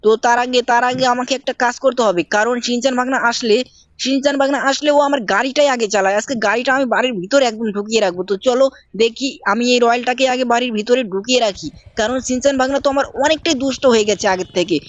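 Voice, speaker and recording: A woman's voice: on the high side, fast, no echo, lo-fi sound. A woman narrating a mobile game video in a casual, chatty way, talking straight to her viewers. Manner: chatty, addresses viewers directly. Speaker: gameplay narrator. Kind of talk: casual game commentary with character voices.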